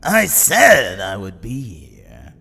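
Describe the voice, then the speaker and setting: A crazy cruel clown villain for a comic, drawn out and swooping all over, cackly, theatrical. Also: male voice, medium pitch, huge pitch swings, takes it slowly, creaky, sharp tone, husky, exaggerated voice. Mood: sinister. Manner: theatrical, cackling, swinging from shrieks to murmurs. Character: maniacal male clown supervillain, gleefully cruel, theatrical. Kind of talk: motion comic voice acting.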